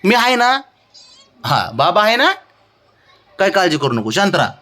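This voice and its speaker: A man soothing his pet in gentle baby talk, coaxing it and repeating calm reassurances over and over. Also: sits high, normal speed. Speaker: pet owner vlogger.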